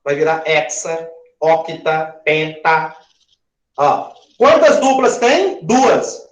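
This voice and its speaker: A man's voice: fairly high pitch, sing-song, extremely slow. A male chemistry teacher, giving a classroom lecture, asking the class questions and spelling out syllables as he counts aloud. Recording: roomy, dull-sounding classroom recording.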